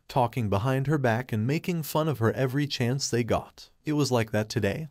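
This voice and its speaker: Man, story recap narrator, steady reading, mid pitch, dry close sound. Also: no room sound.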